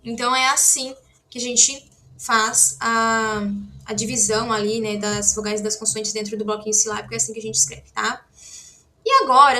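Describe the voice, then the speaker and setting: A woman gives a relaxed online language lesson in a fairly high, bright voice. She explains as she writes, often pausing to check that her students are following. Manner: chatty, frequent "né?" and "tá?" check-ins; explains while writing on a board. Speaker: Korean language teacher.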